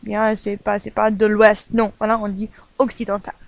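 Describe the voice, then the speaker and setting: A woman teaching French as a lesson, patient and repetitive, often filling pauses with hesitations. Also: mid-range voice, monotone, gravelly, dry recording. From United States. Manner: patient, repeats examples, fills with "voilà" and "euh".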